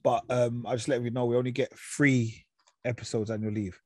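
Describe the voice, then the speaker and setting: A man's voice: mid-range voice, flat delivery, brisk, a little mellow, no echo, clean studio sound. London roadman-accented man hosting a chat. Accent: London, urban street. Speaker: podcast host. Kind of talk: casual chat, street slang.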